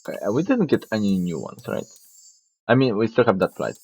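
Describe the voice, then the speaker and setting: A man's voice: fairly low pitch, very animated, a little fast, darkish tone, slightly rough. A man streaming a game, chatting casually and rambling about his choices. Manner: rambling, laughs at himself. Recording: dull lo-fi mic with music behind.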